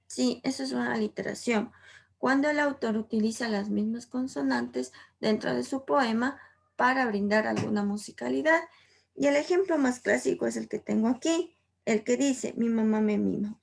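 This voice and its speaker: A woman's voice: on the high side, vocal fry. A woman teacher explaining literary figures in a patient lesson, often checking in with her students and repeating her points. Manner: repeats "por favor" and "¿sí?", explains slowly with examples.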